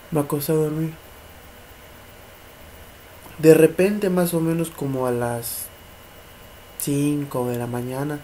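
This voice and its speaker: With a warm voice on the high side, a young man with a Mexican accent tells a paranormal tale in a casual night-time vlog from home, neighbours partying outside. He wanders, repeats words and acts out knocking noises, and there's a slight hiss or hum.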